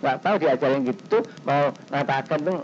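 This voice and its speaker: A man preaching a sermon in an animated, conversational way, with sudden leaps in pitch. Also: moderate pace. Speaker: pastor. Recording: dull, slightly noisy 1990s recording.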